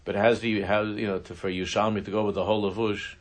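A man teaching a religious class, telling a story in a halting way, often restarting his sentences. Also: lowish voice, little pitch movement. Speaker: Torah teacher.

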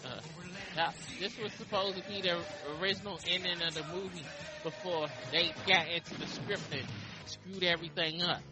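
A man's voice: high voice, steady tone, normal speed, music in the background, poor audio. A man hosting a casual podcast chat, loose and joking, swearing freely. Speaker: podcast host.

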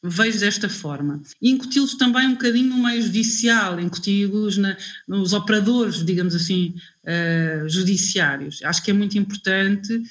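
A woman's voice: mid-range voice, normal speed. Hesitant woman. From Angola. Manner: hesitant, searching for words with many fillers. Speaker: panel speaker. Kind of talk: panel discussion.

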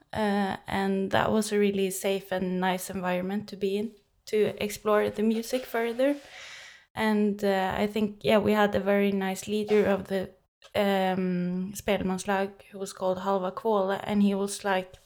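A young woman with a Norwegian accent who speaks Norwegian natively, chatting as a guest in an interview, cheerful, laughing often, pausing with many fillers. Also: medium pitch, little pitch movement, darkish tone. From Norway. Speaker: guest musician. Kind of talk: casual interview talk.

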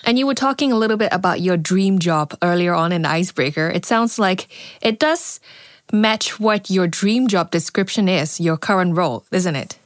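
A woman hosting a podcast, asking her guest polite, measured questions. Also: on the low side. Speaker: podcast host, interviewer.

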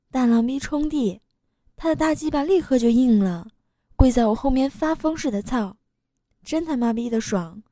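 A woman reading a first-person story in an earthy, matter-of-fact tone. Her voice sits a little high but sounds mellow and dark, with a dry, close sound and no room around it. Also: no echo. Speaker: story reader. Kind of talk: scripted first-person narration.

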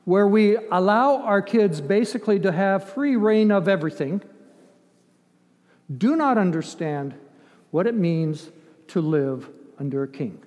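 An older preacher who grew up in Ethiopia speaks unhurriedly in a high voice with a darkish tone. His sermon mixes emphasis with a conversational feel, rhetorical questions and dramatized asides. Long reverb from a hall colors the audio.

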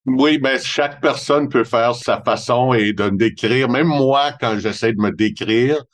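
A man's voice: mid-range voice, a little slow. A man in his sixties with a Montreal French accent, a guest explaining his work in an interview, sometimes correcting himself mid-sentence. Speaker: guest family advisor. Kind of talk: interview answers.

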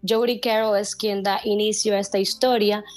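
A young woman from the Dominican Republic talks with a neutral Latin American Spanish accent. She sounds earnest and lively, with a mid-range voice. The sound is dry and close, with no room around it. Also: medium pitch, normal speed, no echo, faint music behind. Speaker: actress, interview guest. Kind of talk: casual interview talk.

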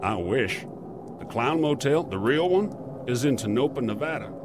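Man playing a gruff, animated motel keeper. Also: medium pitch, moderate pace, lightly acted. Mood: weary, grim. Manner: folksy, terse, grumbling. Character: gruff, world-weary veteran motel keeper and demon fighter. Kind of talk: horror-comedy audio drama acting. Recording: clear background ambience noise.

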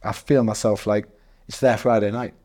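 Guy in his 40s chatting on a podcast, mellow low-key tone, lots of restarts and little laughs. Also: fairly even intonation, normal speed. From North East England. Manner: rambling, self-correcting, laughs often. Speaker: guest DJ and MC. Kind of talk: casual interview chat.

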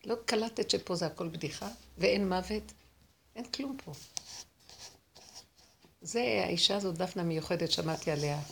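A woman's voice: lowish voice, vocal fry, pauses often, slight background noise. A woman teaching a spiritual lesson, telling stories with emotion and acting out what people said. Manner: animated, dramatic storytelling.

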